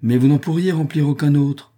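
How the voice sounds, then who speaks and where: A man's voice: a little high, a little fast, dark tone, voice pushed up, natural voice. A man voicing a cold, aloof head maid who answers curtly in a read-aloud novel. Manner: cold, curt.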